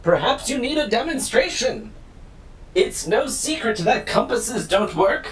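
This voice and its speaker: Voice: sing-song, a little slow, faint music behind. An actor voicing a glitchy weather-forecasting robot that talks in stiff formal phrases and stutters when it malfunctions. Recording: distant mic, faint rumble.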